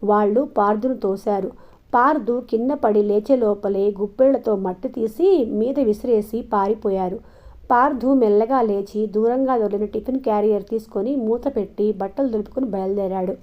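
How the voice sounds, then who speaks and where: A woman narrating an audio novel in a calm, even storytelling manner, in a dull lo-fi recording. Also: medium pitch, normal speed. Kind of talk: scripted narration.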